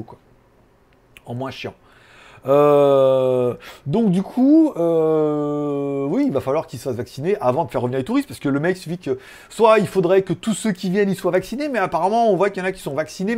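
A man's voice: fairly high pitch, darkish tone. Chatty French man rambling on a live stream. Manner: rambling, joking, frequent fillers and laughs. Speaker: tech live stream host. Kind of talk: casual live-stream chat. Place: home in Thailand.

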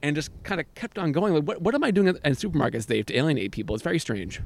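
A man's voice: racing, vocal fry. A man hosting a casual podcast, telling stories animatedly on an outdoor deck. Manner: animated storyteller, jumps to high pitch for quoted reactions. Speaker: podcast host. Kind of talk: casual chat.

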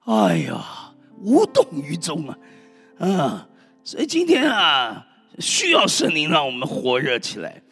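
Animated, bright-voiced male preacher. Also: a little high, slow, creaky, husky. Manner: emphatic, exclaims and calls out to the congregation. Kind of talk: fervent sermon. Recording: reverberant hall with faint music.

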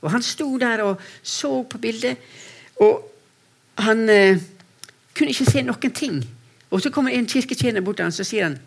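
Preaching to a congregation for a mission to persecuted Christians, this man shares personal stories in a very high-pitched, creaky, slightly rough voice. He pauses often, speaks earnestly, repeats words when he restarts phrases, and moves between soft and raised tones.

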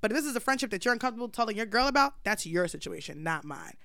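A young woman in her twenties on a casual podcast, spinning a long story and slipping into everyone's voices as she goes. Her voice is smooth and clear, recorded close and dry with no room sound. She's blunt and profane, and throws herself into it. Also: a little high, very fast, dry recording. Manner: animated storyteller acting out dialogue, blunt and profane. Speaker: podcast co-host telling a story. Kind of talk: casual chat.

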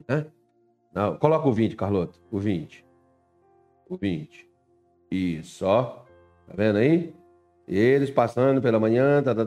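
Um homem pregando um sermão informal com humor, conversando com a congregação e imitando vozes de fiéis. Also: male voice, mid-range voice, a little mellow. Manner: chatty, acts out voices of churchgoers; directs someone to put up Bible verses. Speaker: preacher. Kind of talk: informal sermon with humorous asides.

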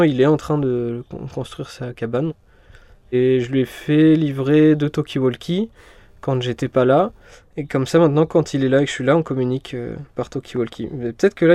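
A young man in his twenties talks in a relaxed, unhurried way, often pausing on fillers and restarting his sentences. His voice sits at a middle pitch. He sounds like someone chatting to a camera crew about his own life. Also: no room sound. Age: 20s. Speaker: forest cabin dweller. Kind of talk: casual documentary interview. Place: in a forest cabin.

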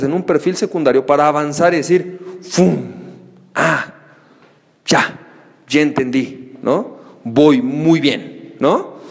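A man's voice: on the high side, in a large hall. A man hosting a solo podcast, telling a playful story and acting out voices along the way. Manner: playful storyteller, acts out friends shouting. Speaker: podcast host. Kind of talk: animated solo podcast talk.

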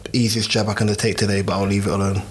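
A man's voice: on the low side, level tone, fast talker. Blunt London roadman, teasing and slangy. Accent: London, urban slang. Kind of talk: casual banter among friends.

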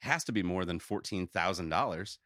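A man's voice: sits low, expressive, normal speed, a bit bright, no room sound, clean studio sound. A man hosting a recap podcast in casual, riffing chat, speaking with an incredulous, sometimes profane edge. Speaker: podcast host.

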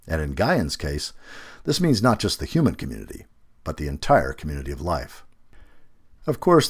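A low-pitched man reads a reflective essay aloud as scripted narration, using measured phrasing and deliberate emphasis.

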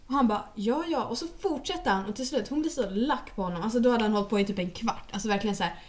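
Blunt, swearing young woman. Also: on the high side. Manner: blunt, animated storytelling, swears freely. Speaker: podcast co-host. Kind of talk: casual chat.

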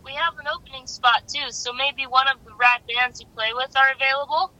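A woman's voice: high-pitched, fairly even intonation, fairly quick, sharp tone, muffled recording. A woman playing an upbeat band booker, heard over the phone.

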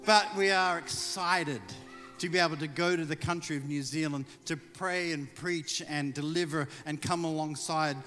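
Bright-voiced missionary preacher in hall. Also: male voice, fairly high pitch, steady tone, normal speed, hardly any pauses. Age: middle-aged. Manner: folksy, exclamatory, with joking asides. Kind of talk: informal church address. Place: large indoor church, speaking from pulpit. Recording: reverberant hall, music behind.

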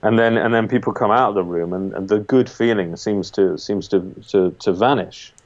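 A British man conducts an interview casually and conversationally, his voice on the low side and his pace moderate. He circles tentatively, repeating himself as he forms his thoughts and questions. The recording sounds dull and band-limited.

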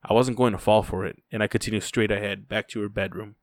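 Weary low-voiced male narrator. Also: fairly even intonation, fast talker, no room sound. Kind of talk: first-person audiobook narration.

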